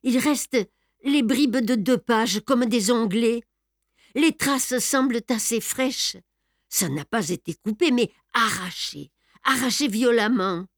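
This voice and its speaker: A woman voicing a calm, methodical male scholar in an audiobook, speaking in a measured, explanatory way. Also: on the high side, dry recording, studio quality, pitched above the performer's own voice. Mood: examining. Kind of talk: audiobook character reading.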